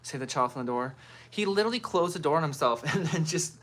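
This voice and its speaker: In a relaxed home livestream, a woman in her thirties says hello to commenters by name between makeup steps. She talks fast in a low voice with lively intonation.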